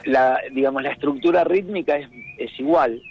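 A man's voice: medium pitch, moderate pace, creaky, a little mellow, slightly rough, low-quality recording. A middle-aged man with a Rioplatense Spanish accent, a radio columnist talking casually, thoughtful and searching for words, now and then humming rhythms. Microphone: phone line. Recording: radio broadcast, faint music.

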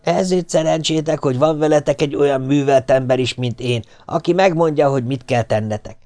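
A man voicing a boastful, scheming Swedish sailor who talks down to others and lies smoothly. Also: on the high side, a little mellow, dry recording, pitched above the performer's own voice, natural voice. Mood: condescending. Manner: condescending, smoothly lying.

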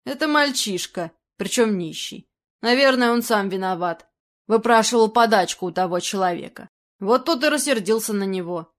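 A woman's voice: mid-range voice, expressive, normal speed, natural voice. Woman doing a boisterous tipsy young reveler. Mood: disappointed.

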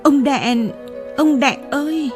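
A woman's voice: on the high side, expressive, measured pace, a little mellow, soft background music, voice pushed up. A woman voicing a frightened, clinging older woman. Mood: frightened pleading. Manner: urgent, breathless pleading.

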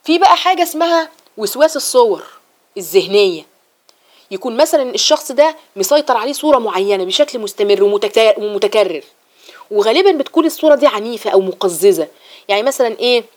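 A middle-aged woman with an Egyptian accent giving a religious lesson to women, lively and repeating her phrases as she acts out examples. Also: a little high, fast talker. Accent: Egyptian Arabic. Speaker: religious teacher.

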